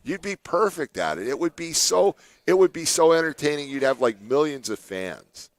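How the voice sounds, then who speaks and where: A man with a fairly high, sing-song voice hosts a morning radio show, bantering casually with his co-host at a moderate pace. He's chatty, laughs a lot and slips into playful mock voices. The radio studio recording is dry, with no room sound.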